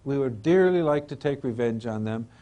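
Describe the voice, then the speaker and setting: A man's voice: mid-range voice, expressive, moderate pace, mellow. An older man giving an informal religious lecture in a rambling, professorial manner, trailing into asides and hesitant repetitions.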